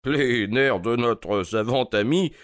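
A man's voice: medium pitch, no room sound, clean studio sound, voice pushed up, lightly acted. A man doing a cool, ironic detective. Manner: measured, polite, ironic. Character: shrewd middle-aged male detective, cool and amused. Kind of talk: audiobook character voice.

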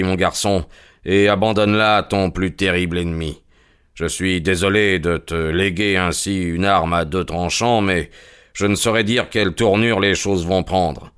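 A man reading the lines of a grim, frightened older colonel in an audiobook, gruff and solemn. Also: low voice, a bit bright.

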